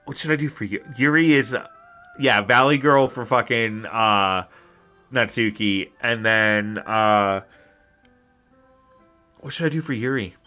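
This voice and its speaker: Young male let's-play host, a bit low and very bright, jokey and rambling, soft game music underneath. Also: measured pace, pauses often. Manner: loud, jokey, rambling, with bursts of shouting. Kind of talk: game commentary and reading dialogue aloud.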